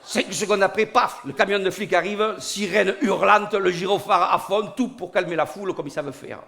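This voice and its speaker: Lively man telling a comic tale. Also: sits high, moderate pace, creaky. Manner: lively, animated, full of sound effects. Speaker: storyteller. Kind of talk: comic storytelling performance. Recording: studio recording.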